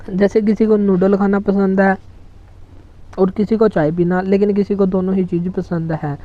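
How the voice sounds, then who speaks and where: A teacher talks through an exam-prep lecture in a flat, level tone. The delivery mixes Hindi explanation with English terms and slows right down for English example sentences. The recording sounds dull and lo-fi. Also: medium pitch.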